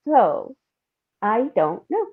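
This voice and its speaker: A woman guest's slightly high, husky voice is sing-song, and she draws out her words. Heard through narrow, phone-like call audio, she reflects casually and candidly in the interview, thinking aloud informally.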